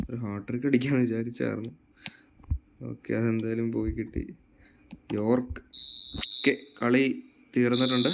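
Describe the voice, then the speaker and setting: A man's voice: medium pitch, slight background noise. A man with a Malayali accent giving casual football game commentary, mixing English words and phrases into his Malayalam. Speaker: gaming YouTuber.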